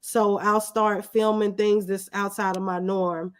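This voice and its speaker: A woman with a mid-range voice, a small business owner appearing as an interview guest, shares personal stories casually and conversationally. Her tone is level and her pace measured.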